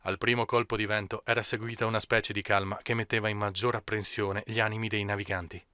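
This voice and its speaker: A man narrating an amateur audiobook in a measured, steady way. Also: lowish voice, clear, resonant tone, dry recording. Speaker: audiobook reader.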